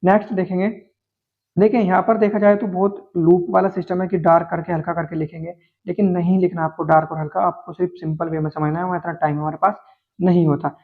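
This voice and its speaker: High-voiced male shorthand teacher, tinny sound. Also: little pitch movement. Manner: patient, repeats words slowly, many "theek hai" fillers. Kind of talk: explaining Hindi shorthand outlines step by step. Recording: tinny, phone-like narrow sound.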